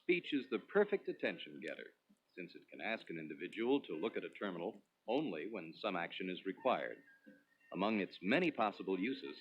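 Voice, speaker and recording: Deep voiced guy doing scripted 80s product demo narration, instructional, animated pitch, muffled lofi sound. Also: fairly quick. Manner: instructional, clearly structured delivery. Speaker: product demonstrator, presenter. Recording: dull lo-fi 1980s demo recording.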